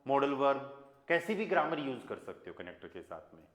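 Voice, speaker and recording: A man with an Indian accent teaching a German grammar class in Hindi, explaining slowly and mixing in English and German examples. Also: mid-range voice, sing-song, fairly bright tone. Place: classroom with students and online learners. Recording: echoey classroom.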